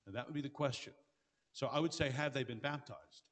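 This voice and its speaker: A man answering questions from the floor as pastor, earnest and fast, often restarting mid-sentence. His voice carries a long reverb from a large hall. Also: mid-range voice, fairly bright tone. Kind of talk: conference Q&A answers.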